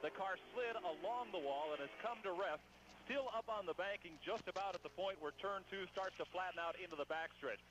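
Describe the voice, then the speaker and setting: Man, American motorsport commentator, high pitch, live radio reporting, muffled feed with faint noise. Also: a little fast, fairly bright tone. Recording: dull, noisy radio feed.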